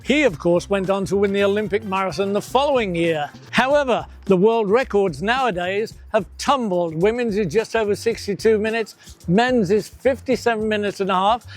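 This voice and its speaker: High-voiced male race previewer. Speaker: commentator. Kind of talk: scripted race preview narration.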